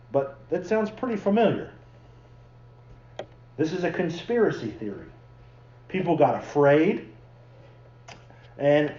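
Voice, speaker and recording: In a church sanctuary, a pastor with a slightly high, warm voice preaches a sermon as chatty storytelling, acting out the people in the tale. The sound is roomy and the audio dull.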